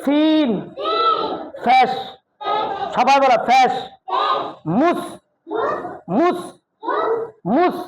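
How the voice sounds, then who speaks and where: Slow, stern man drilling a noisy class. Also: very high-pitched, some chatter behind. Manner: drills syllables slowly, calls class to repeat aloud; stern, raises voice on key sounds. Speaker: madrasa teacher. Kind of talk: Quran recitation lesson for children. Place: classroom full of children. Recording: dull recording, noisy chattering class.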